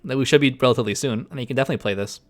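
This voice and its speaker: A man's voice: medium pitch, rapid-fire, faint music behind. Rambling male game streamer. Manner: rambling, full of fillers. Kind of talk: casual live-stream chat.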